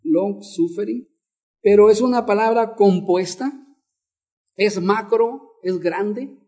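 A man's voice: high-pitched, slow, mellow. A male pastor preaching a Bible-teaching sermon, repeating key words and asking the congregation questions.

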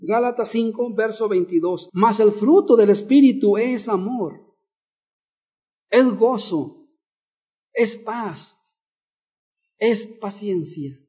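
A man's voice: high voice, expressive, slow pace, long pauses, mellow. A male pastor preaching a Bible-teaching sermon, repeating key words and asking the congregation questions.

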